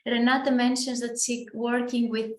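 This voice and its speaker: A woman's voice: a little high, little pitch movement, normal speed. A woman co-hosting an online session, reading out audience comments on a video call. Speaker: session co-host reading the chat. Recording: roomy call audio with faint noise.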